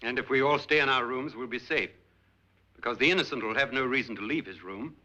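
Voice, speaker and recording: Stern, accusing doctor, deliberate and logical, forceful medium-pitched voice, dull vintage film audio. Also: male voice. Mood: grave. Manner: deliberate, interrogating. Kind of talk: vintage suspense film acting. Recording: dull old film soundtrack.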